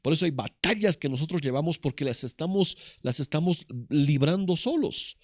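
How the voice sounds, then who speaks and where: A male pastor delivers a sermon for an online service, his voice swinging widely in pitch as he stacks repeated phrases for emphasis. The sound is dry and close, with no room around it. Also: animated, moderate pace, dry recording. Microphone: online service broadcast.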